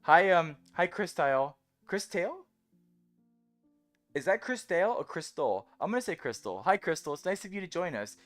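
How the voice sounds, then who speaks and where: A man's voice: high-pitched, sing-song, normal speed, a bit bright. A man chatting casually as a livestreamer, rambling on and on like a self-described yapper, with music behind him.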